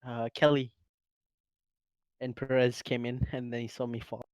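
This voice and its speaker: A man's voice: mid-range voice, level tone, normal speed, smooth, no echo. A man who streams, chatting casually with slang and swearing. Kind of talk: casual chat.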